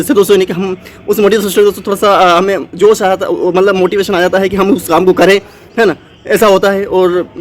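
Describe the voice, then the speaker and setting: Man, high voice, rapid, rambling motivational talk, full of fillers and restarts. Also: a little hiss or hum. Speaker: motivational channel host.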